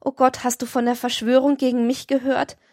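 A woman's voice: high-pitched, little pitch movement, fairly quick, darkish tone, no room sound, clean studio sound, pitched above the performer's own voice. A woman reading an anxious young woman. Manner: anxious, fearful.

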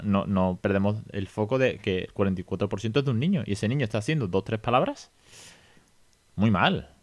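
A man in his thirties hosting a podcast, talking casually with frequent "¿no?" tags and animated rhetorical asides. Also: lowish voice, no echo. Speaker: podcast host.

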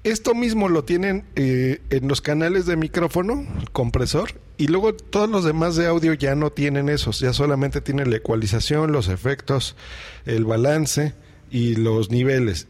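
A man's voice: a little high, a little mellow. A man, a podcast host explaining step by step in a how-to tutorial as he demonstrates equipment, speaking into a microphone run through a mixing desk in a home podcast studio.

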